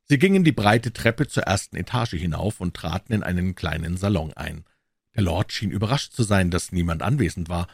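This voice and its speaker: A man reading an audiobook aloud in an expressive storytelling way. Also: deep voice, moderate pace, vocal fry, breathy edge, dry recording, studio quality. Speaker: audiobook narrator. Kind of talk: scripted narration.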